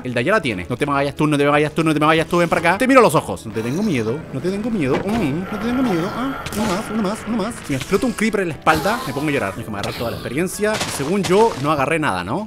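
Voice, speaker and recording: Excitable man narrating his game. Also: a little high. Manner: excitable, talks to mobs, swings between mutters and outbursts. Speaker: gaming YouTuber. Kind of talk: Minecraft let's play commentary.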